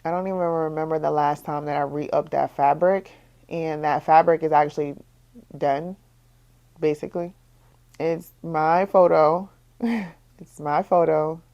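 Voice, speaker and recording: A young woman who runs her own bikini business, telling her story in a casual vlog, repeating herself and rising higher as her frustration builds. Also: creaky, a little mellow, muffled recording. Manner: exasperated, repetitive, rises in pitch when frustrated. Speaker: small business owner, bikini designer.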